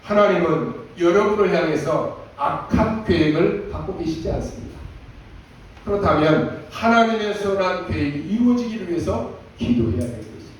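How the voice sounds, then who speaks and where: A man's voice: sits high, lively intonation, moderate pace, a little hiss or hum. A male pastor delivering an emphatic sermon, acting out prayers in a raised voice. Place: church sanctuary. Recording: echoey church hall from far off.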